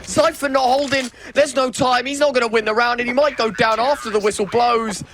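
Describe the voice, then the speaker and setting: A man's voice: very high voice, steady tone, fairly quick, a bit bright. A man commentating live esports as a caster, dramatic and exclamatory, with vivid phrasing. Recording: clear game noise behind the voice.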